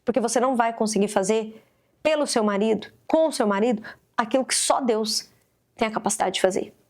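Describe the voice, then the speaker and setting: High-pitched woman mentor, emphatic and preachy, talking to camera. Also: a little fast, a little mellow. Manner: emphatic, preacherly, acts out dialogue. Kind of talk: direct-to-camera exhortation. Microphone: facing a camera.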